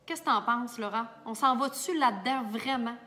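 A Québécois woman, a makeup artist and teacher, chatting warmly and enthusiastically to her viewers in a casual vlog. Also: a little high, normal speed, big-room sound. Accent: Québécois French. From Quebec. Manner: warm, enthusiastic, talks straight to viewers.

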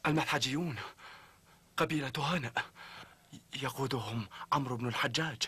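An actor dubbing a messenger in a historical drama, reporting news. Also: male voice, mid-range voice, normal speed, bright, forceful tone, husky. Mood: alarmed. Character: male messenger reporting a crowd.

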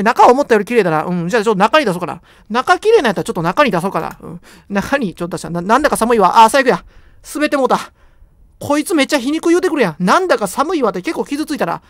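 A young man with a Kansai accent talks at a breakneck pace, his pitch leaping around as he rambles and jokes through a horror game. He makes fun of himself and the game's characters. The sound is close and dry, with no room around it. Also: no room sound. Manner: joking, rambling, self-deprecating banter. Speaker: game streamer. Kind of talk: horror game let's play commentary.

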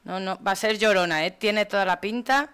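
A woman's voice: medium pitch, moderate pace, a bit bright, clear, resonant tone. A woman from Spain giving casual, chatty let's-play commentary, exclaiming and talking to the characters in her game. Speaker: gaming YouTuber.

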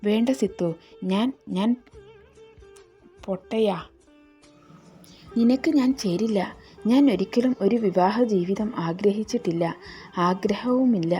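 A woman's voice: medium pitch, takes it slowly, pauses often, dark tone, faint music behind, lightly acted. A woman voicing a frightened young woman who pleads to be let go in a storybook reading. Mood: pleading. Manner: pleading, tearful.

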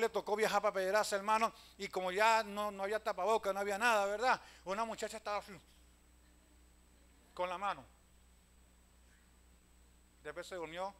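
High bright-voiced pastor preaching. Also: male voice, smooth. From Venezuela. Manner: storytelling preacher, swings from loud calls to hushed asides, keeps saying "hermano". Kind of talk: sermon.

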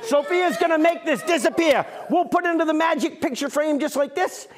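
A man's voice: very high-pitched, a little fast. A middle-aged man working as a kids party magician, playing to a live audience with theatrical mock exasperation and exclamations. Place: small indoor stage before an audience of children. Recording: noisy live room with crowd of children.

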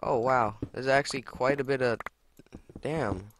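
A man's voice: mid-range voice, a little slow, noisy background. A young man casually commenting as he plays a game, chatty and prone to swearing and exclamations at what he finds. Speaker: let's play gamer.

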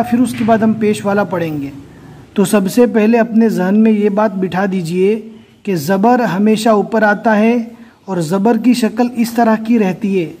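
Slow, patient man teaching Quran letters. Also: high voice, mellow. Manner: patient, repeats each letter sound slowly. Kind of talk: slow, step-by-step recitation lesson.

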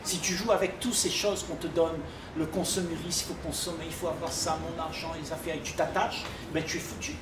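Older man teaching calmly in an echoey room. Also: fairly high pitch, a little fast, hardly any pauses. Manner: calm, teaching, often asks "tu comprends?". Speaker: speaker at a public talk. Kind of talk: spiritual dialogue with audience. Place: library reading area, indoors. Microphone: far room microphone. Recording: echoey room, distant mic, noisy.

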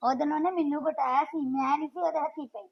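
A woman's voice: high voice, fairly even intonation, quick pace, highs cut off. A Punjabi woman acting a sister-in-law in a village drama, defensively protesting her side of a quarrel. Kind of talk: scripted village family drama.

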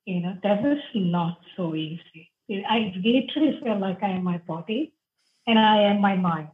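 A young adult woman from Sri Lanka, a life coach guest, speaking earnestly on a video call from home. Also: medium pitch. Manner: earnest, frequent affirming murmurs. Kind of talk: casual video-call interview. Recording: dull video-call audio.

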